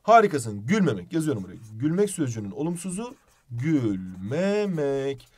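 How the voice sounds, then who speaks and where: A man teaching a video lesson, playful and animated, asking questions as he explains. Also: medium pitch, moderate pace, slightly rough.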